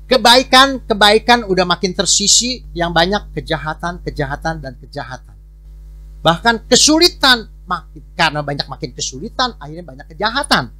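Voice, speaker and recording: Bright-voiced man preaching casually. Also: high-pitched, very animated, moderate pace. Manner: informal preaching, repeats words, swings between loud and soft. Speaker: pastor. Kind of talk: conversational sermon.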